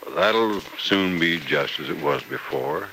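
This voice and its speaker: A man's voice: rumbling low, sing-song, unhurried, creaky, a little hiss or hum, exaggerated voice, poor audio. A fatherly man of sixty. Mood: consoling. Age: 60s. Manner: gentle, reassuring, fatherly. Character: kindly older man, fatherly, patient and steady. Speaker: radio drama actor. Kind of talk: 1940s radio acting.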